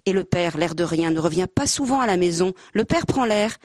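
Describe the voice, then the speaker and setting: A woman whose talk stumbles and restarts as she gropes for her words, and who then reads a poem with rhythm. Her pitch sits mid-range, and the sound is dry and close, with no room echo. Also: lively intonation, fairly quick, darkish tone. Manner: hesitant, searching for words, self-deprecating. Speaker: panel guest. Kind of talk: halting casual talk, then a poetry reading. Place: panel event with a handheld mic.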